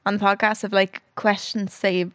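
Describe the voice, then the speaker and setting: A woman's voice: medium pitch, level tone, moderate pace, fairly bright tone, no echo, clean studio sound. A woman with a Dublin accent chatting casually and frankly as a podcast co-host. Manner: frank, sweary. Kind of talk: casual chat.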